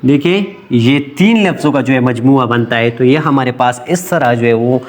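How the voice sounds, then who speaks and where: A man with a medium-pitched voice gives an informal recorded English grammar lesson. He sounds hesitant, using many fillers and restarts, and slows down whenever he dictates English sentences.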